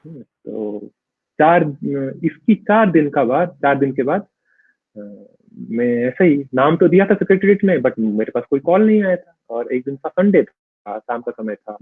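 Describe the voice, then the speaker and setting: A man's voice: medium pitch, slightly rough, no echo. A man, a monk being interviewed, recounting his own story hesitantly, with many fillers and English words mixed in. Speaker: monk guest. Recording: dry tinny phone-like sound.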